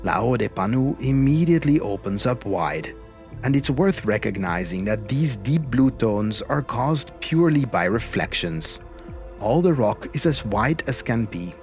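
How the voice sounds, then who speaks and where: A man's voice: mid-range voice, expressive, unhurried, darkish tone. Reflective male documentary narrator over music. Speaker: host and narrator of a cave diving expedition. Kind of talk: scripted documentary-style narration. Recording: music behind the voice.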